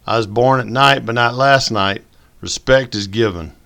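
A man's voice: medium pitch, moderate pace, vocal fry, fairly bright tone, pitched above the performer's own voice. A man voicing a stern pit master. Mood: firm. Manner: folksy, plainspoken sayings. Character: older Southern male pit master, stern and steady.

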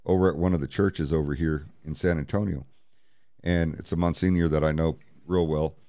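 Deep-voiced blunt male storyteller. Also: fairly even intonation, a little fast, dark tone, no room sound, clean studio sound. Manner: blunt, profane, retells scenes with "he goes, I said". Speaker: paranormal investigator. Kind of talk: storytelling in a podcast interview.

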